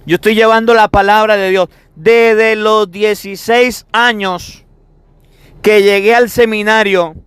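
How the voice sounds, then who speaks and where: Emphatic high-voiced priest preaching. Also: male voice, fairly even intonation, unhurried, a bit bright, clear, resonant tone, dry recording. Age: 30s. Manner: emphatic, repetitive preaching with rhetorical questions. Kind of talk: sermon.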